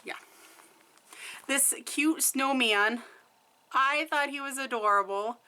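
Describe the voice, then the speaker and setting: Slow, bright-voiced woman chatting casually. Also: high voice. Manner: chatty and rambling, self-correcting. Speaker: cross-stitch vlogger. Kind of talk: casual chat.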